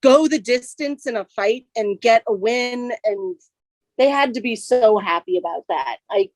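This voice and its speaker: A woman's voice: a little high, a little slow, darkish tone, no room sound, low-quality recording. A woman guest on a podcast, a robot team co-captain, speaking earnestly and with feeling. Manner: emotional, earnest. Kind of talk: casual podcast chat.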